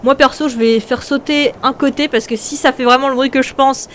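A young woman hosting a video game, commenting excitably, often shrieking and laughing. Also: sits high, brisk, slight background noise. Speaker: gaming video host.

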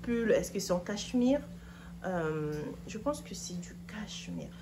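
A woman's voice: medium pitch, animated, a little slow, background noise. A woman in her thirties, a fashion vlogger seated on a couch in her living room, giving a chatty, opinionated outfit review straight to her viewers. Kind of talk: casual outfit review to camera.

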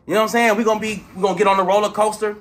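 A man giving a casual, profane motivational rant to his viewers, preachy and excitable, swinging between loud outbursts and low murmurs. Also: rapid-fire. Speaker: spiritual motivational vlogger.

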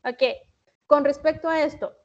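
A woman with a Salvadoran Spanish accent teaching English in an online class, explaining slowly and reading example sentences with care. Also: high-pitched, fairly even intonation. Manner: slow, deliberate, reads English examples carefully. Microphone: video call. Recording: muffled online-class audio.

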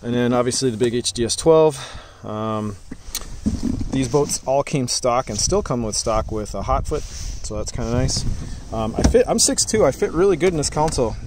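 A man giving a relaxed, rambling walkthrough tour of his boat outdoors, talking with many fillers into a handheld camera. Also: mid-range voice, moderate pace, background noise. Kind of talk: casual walkthrough vlog.

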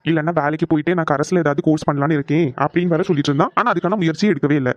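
A man's voice: a little high, steady tone, very fast, dry recording, lightly acted. A man voicing a chatty village man gossiping about family. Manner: casual gossiping, rural Tamil speech. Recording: dry, dull lo-fi sound.

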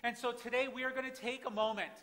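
A pastor, preaching a dramatic sermon that swings from hushed to loud, recorded from the back of a church. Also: male voice, very high voice, steady tone, fast. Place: church sanctuary with congregation. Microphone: far camera at back of church. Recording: reverberant church from far off.

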